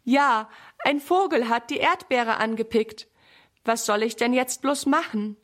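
A woman's voice: on the high side, a little slow, fairly bright tone. A woman voicing an eager, earnest little boy in a children's storybook reading. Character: excited little boy Sammy guarding strawberries.

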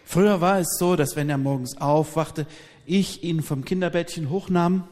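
Dude interpreting a talk line by line, bit of umming, slightly high voice, big hall echo. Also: male voice, darkish tone. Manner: quick, with hesitant fillers. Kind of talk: consecutive interpreting of a live talk. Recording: long hall reverb.

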